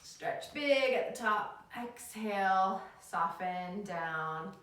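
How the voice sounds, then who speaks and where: A woman teaching a guided chair yoga class in a soothing, gentle manner. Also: mid-range voice, lively intonation, takes it slowly. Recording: very echoey room, distant mic.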